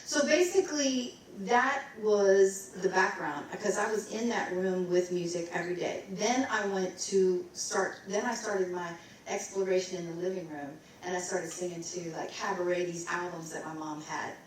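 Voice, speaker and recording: A woman's voice: lowish voice, normal speed, hardly any pauses, a little hiss or hum. Middle-aged female vocalist, loose rambling talker who breaks into scat; distant, reverberant hall sound. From Maryland, USA. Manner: rambling, scats and sings snippets. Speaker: guest vocalist. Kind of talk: casual onstage interview. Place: recital hall. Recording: roomy hall, distant mic.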